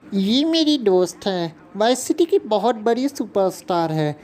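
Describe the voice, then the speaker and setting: A woman's voice: medium pitch, big pitch swings, measured pace, a little mellow. A woman voicing a chatty rich man's daughter. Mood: welcoming. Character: wealthy young woman, colonel's daughter, hostess. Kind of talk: amateur game dubbing.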